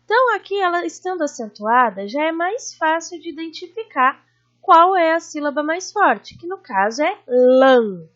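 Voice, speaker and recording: A Brazilian woman teacher giving a recorded lesson to children, drawing out syllables slowly and checking in with her pupils. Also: very high voice, big pitch swings, muffled recording. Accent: Brazilian Portuguese. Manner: slow, drawn-out stressing of syllables; warm teacherly questions to pupils.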